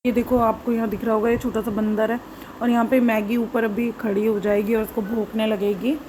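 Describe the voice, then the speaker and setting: A woman vlogger with a hoarse, sore throat, chattily narrating her home footage and often correcting herself as she rambles. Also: on the high side, level tone, fairly quick, background noise.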